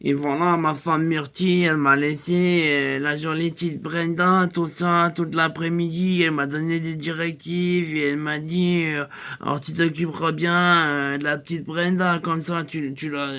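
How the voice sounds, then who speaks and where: A man's voice: a little high, level tone, normal speed, sharp tone, smooth. A man rambling through an improvised comic monologue, full of fillers and repeats, cooing in baby talk to a pretend infant. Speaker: comedy sketch performer.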